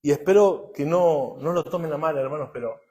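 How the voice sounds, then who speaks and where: Preaching a little fast with a fairly high pitch, a middle-aged man delivers his sermon in swings from hushed to emphatic. He frequently poses rhetorical questions to the people in the pews.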